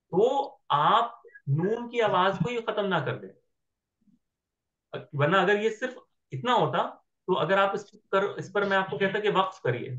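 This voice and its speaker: A man's voice: high voice, bright, forceful tone, muffled recording. A man teaching Arabic grammar in an online class, patiently asking his students whether they follow. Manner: patient, checks understanding with questions.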